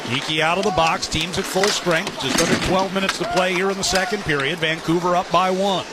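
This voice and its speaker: Speaking a little fast in a high voice with fairly even intonation, this radio commentator gives live ice hockey play-by-play. He broadcasts from his arena position, with the loud noise of the venue behind him.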